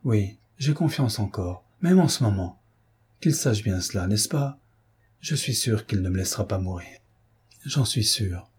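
A man reading an audiobook voices a young condemned prisoner who pleads in a breaking, high voice. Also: moderate pace, mellow, husky, lightly acted. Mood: resigned soft.

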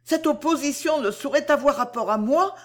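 A woman voicing a distressed young lady who is proud and wounded, speaking high and pleading. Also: moderate pace, natural voice. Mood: indignant. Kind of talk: audiobook reading.

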